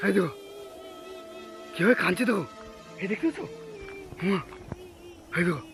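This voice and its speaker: Soft music plays behind this man's high, creaky, slightly bright voice, which swings widely in pitch at a normal pace. He's a vlogger on a ghost hunt, treating his audience as friends while he yelps in fright and repeatedly cries out for his mother.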